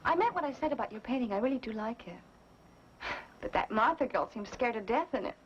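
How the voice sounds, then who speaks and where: A woman's voice: on the high side, animated, a little fast, natural voice. An actress playing a shaken, inquisitive young woman in a 1970s TV horror mystery, on a dull, noisy soundtrack. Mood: probing, uneasy.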